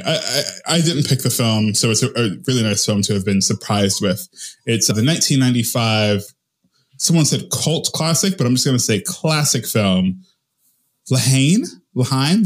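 A man co-hosting a film podcast in casual chat, an animated storyteller who swears and jumps up in pitch at punchlines.

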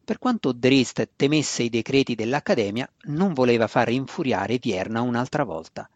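A man's voice: medium pitch, lively intonation, moderate pace, no echo, muffled recording. Man narrating a fantasy audiobook.

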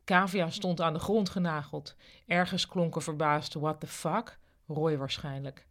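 Calm narrator reading a kids-style story, mid pitch, steady. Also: moderate pace.

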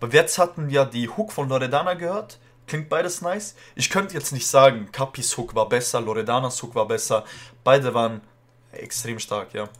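A man with a rolled R, talking in a loose, slangy way as he hosts a music reaction video. His voice sits in an ordinary middle pitch for a man. He keeps coming back to friendly asides to his viewers. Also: moderate pace, fairly bright tone. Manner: loose slangy talk, often says "Freunde". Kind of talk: casual reaction commentary.

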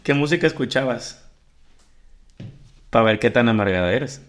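A man's voice: mid-range voice, animated, moderate pace, a little hiss or hum. A man hosting a casual podcast chat, teasing and rambling with restarts. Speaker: podcast host.

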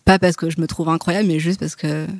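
A woman's voice: low-pitched, steady tone, fairly quick, darkish tone, dry recording, clean studio sound. A woman, a podcast guest talking candidly and loosely. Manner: candid, frank, loose phrasing. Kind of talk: casual chat.

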